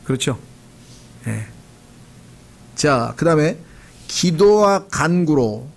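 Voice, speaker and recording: A man's voice: a little high, sing-song, slow, creaky. A middle-aged Korean pastor preaching with a slightly raised voice. He talks to his congregation in a loose, conversational way, often slipping into the voices of people praying or complaining. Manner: conversational preaching, acting out prayers and quoted voices. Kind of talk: sermon.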